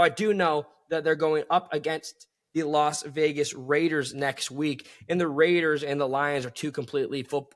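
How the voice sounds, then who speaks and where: A man hosting a solo sports podcast, talking with enthusiasm and calling his listeners folks. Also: fairly high pitch.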